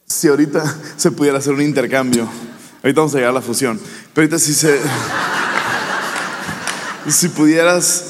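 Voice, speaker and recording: A man hosts a relaxed interview, putting playful hypotheticals to his guest. His middle-pitched voice sounds a little distant and rings out with a long reverb. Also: a little fast, pauses often, a little hiss or hum. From Mexico. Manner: playful, teasing questions. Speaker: podcast host. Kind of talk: casual interview.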